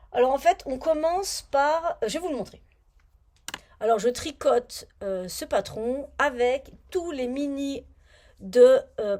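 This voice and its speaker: A woman's voice: a little high, warm tone. Chatty French woman on a knitting vlog. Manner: chatty, rambling, mutters to herself; grumbling, annoyed. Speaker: knitting vlogger. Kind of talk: casual knitting vlog chat.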